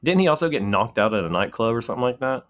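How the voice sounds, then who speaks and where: A man's voice: mid-range voice, lively intonation, very fast. A man co-hosting a podcast in casual, sweary chat full of bro slang. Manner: slangy, bro-heavy talk. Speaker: podcast co-host.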